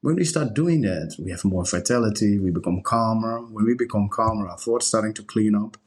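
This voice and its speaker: A man whose first language is Dutch, a breathwork instructor speaking earnestly in a casual podcast chat, with halting restarts. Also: fairly low pitch.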